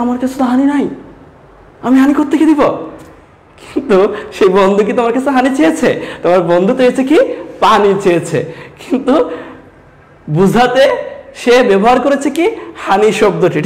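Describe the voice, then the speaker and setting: A man from Sylhet teaching an online class, asking students repeated questions and addressing them directly. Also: very high voice. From Sylhet, Bangladesh. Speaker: Bengali teacher.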